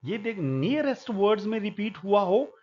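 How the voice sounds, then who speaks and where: A man, a literature professor, giving a classroom lecture, explaining slowly and repeating words over and over, with English terms mixed in. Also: sits high, very animated, faint music behind. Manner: mixes English terms into Hindi. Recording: dull lo-fi sound.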